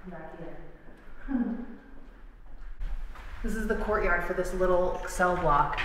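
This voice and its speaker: A young woman chats her way through a tour with plenty of "like"s, her voice a little low for a woman. It rings with long echo off hard walls, and faint noise hums underneath. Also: takes it slowly, fairly bright tone. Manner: chatty, filler-heavy, loose. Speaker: urban explorer vlogger. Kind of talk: casual exploring commentary. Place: large abandoned prison, indoors. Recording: echoey hall with faint noise.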